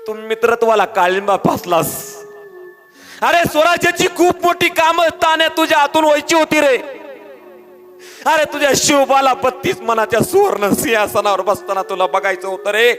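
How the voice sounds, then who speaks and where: A man voicing a grieving warrior king who pleads with his fallen friend, in an impassioned, shouting oratorical manner. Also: extremely high pitch, steady tone, normal speed. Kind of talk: dramatic storytelling oration. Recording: long hall reverb with faint music.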